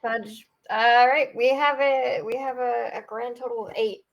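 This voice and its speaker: A woman playing in a tabletop game, chatting casually with wry, deadpan asides. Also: a little high, unhurried, vocal fry, lo-fi sound. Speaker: player.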